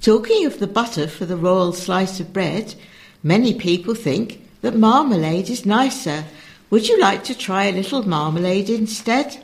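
Soothing storybook queen, soft and coaxing, raised voice, man acting her. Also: sits high, animated, moderate pace, gravelly, pitched above the performer's own voice. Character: gentle fussing queen, soothing and mild.

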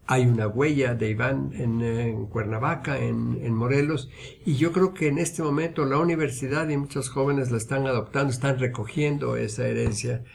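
A man appears as a university guest on a radio program, speaking earnestly and emphatically and building his points through repetition in a reflective interview. His voice is gravelly and medium-pitched, with a steady tone at normal speed over slight background noise.

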